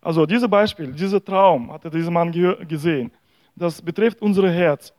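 A man preaching a sermon, telling a parable in a halting way with frequent hesitations. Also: on the high side, darkish tone, no room sound.

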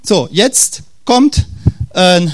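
Man, preacher, sermon, humorous storytelling, high voice, unhurried. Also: lively intonation. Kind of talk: sermon retelling a Bible story.

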